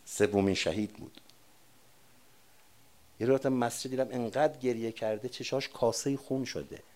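An older man giving a sermon, moving between quiet personal recollection and loud, emphatic preaching. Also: mid-range voice, steady tone. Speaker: religious speaker. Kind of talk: sermon with personal war memories.

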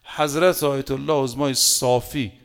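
A man preaching a sermon in a conversational, folksy way, full of rhetorical questions and short anecdotes, swinging between loud emphasis and quiet asides. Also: medium pitch, fairly even intonation, creaky, clean tone.

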